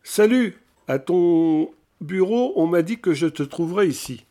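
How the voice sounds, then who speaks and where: A man's voice: sits high, expressive, measured pace, warm tone. A man reading aloud, voicing a pushy, chatty pregnant woman who is the heroine's old college friend, talking eagerly and insistently.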